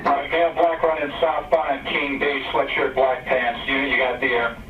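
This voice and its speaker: A man's voice: medium pitch, flat delivery, normal speed. A man working as a police dispatcher, giving clipped calls over a police radio transmission. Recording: muffled, distant, echoey radio with static.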